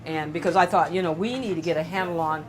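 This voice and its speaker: An older woman from California recounting personal family history in an interview, telling her stories with lively acted-out dialogue. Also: lowish voice, fast talker, noisy background. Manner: animated storyteller who acts out the voices of people she quotes. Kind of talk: storytelling interview.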